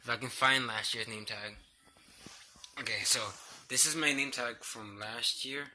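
Bright-voiced young man with a cold sore. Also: mid-range voice, steady tone, measured pace, rough recording. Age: young adult. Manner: subdued, hesitant, rambling. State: sick with sore throat and a cold sore on his lip. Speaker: vlogger, theme park ride worker. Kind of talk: casual vlog chat. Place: small bedroom, indoors. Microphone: phone or laptop at arm's length. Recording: faint noise, handheld home recording.

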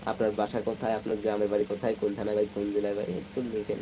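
Soft-spoken young man with a cold, low voice. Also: monotone, rapid-fire, noisy background. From Sirajganj, Bangladesh. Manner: chatty, reads comments aloud, hums song snatches. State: has a cold, speaking softly. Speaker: live stream host. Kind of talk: casual live-stream chat with viewers. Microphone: phone, no external microphone.

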